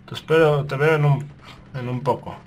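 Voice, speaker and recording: A man commentating on his own game run, swearing, yelling when startled, and muttering to himself. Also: medium pitch, fairly even intonation, moderate pace. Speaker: gaming video host. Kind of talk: let's play commentary.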